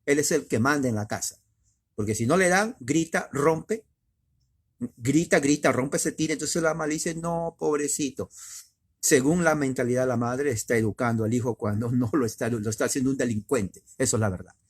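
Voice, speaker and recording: A man preaching in a conversational way, emphatic and full of rhetorical questions, with sudden rises in pitch and loudness. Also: a little fast, breathy edge. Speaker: preacher teaching doctrine. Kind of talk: conversational sermon.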